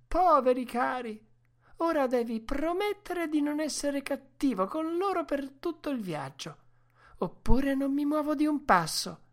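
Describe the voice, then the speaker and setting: A woman voicing a fussy, pleading young woman in a storybook reading, high and tearful. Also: expressive, unhurried.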